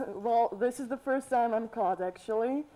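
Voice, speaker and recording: A woman playing a cheerful, cheeky Easter Bunny in a student TV sketch interview, relaxed and plain-spoken with hesitant fillers. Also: on the high side, normal speed, close to an everyday voice, poor audio. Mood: casual. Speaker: interview guest.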